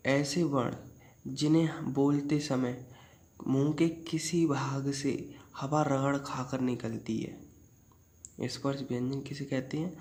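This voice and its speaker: A man's voice: mid-range voice, a little mellow. A man teaching grammar, saying sounds aloud to demonstrate them and asking his own questions, then answering them. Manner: asks a question and answers it himself. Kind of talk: classroom-style explanation.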